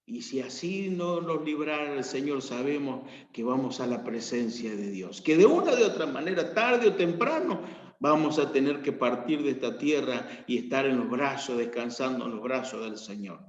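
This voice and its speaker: Argentine pastor preaching in an echoey hall. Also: male voice, animated, normal speed. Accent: Argentine Spanish. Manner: preaching, rising to emphatic peaks then dropping low. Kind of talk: sermon. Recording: echoey church room, dull lo-fi sound.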